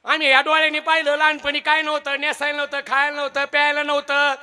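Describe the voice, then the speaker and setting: A man's voice: very high voice, monotone, quick pace, pushed and bright, voice pushed up, exaggerated voice. A man doing a consoling old village woman. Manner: earnest, consoling.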